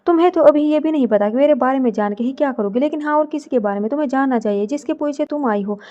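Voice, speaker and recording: A woman doing a calm male villain who speaks slowly and coolly, teasing his victims with quiet menace. The voice sits high and mellow, on a dull, lo-fi recording. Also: natural voice. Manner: unhurried, cold, teasing.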